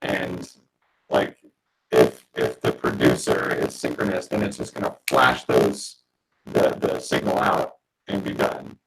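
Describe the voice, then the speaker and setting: A man explaining technical concepts in a halting, casual way over a video call, his mic audio noisy and robotic-sounding. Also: rumbling low, gravelly, far from the mic. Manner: halting, restarts mid-sentence. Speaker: instructor.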